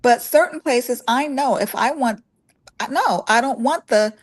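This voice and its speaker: A woman's voice: high-pitched, a little slow. A woman co-hosting a casual chat, explaining her point with everyday examples.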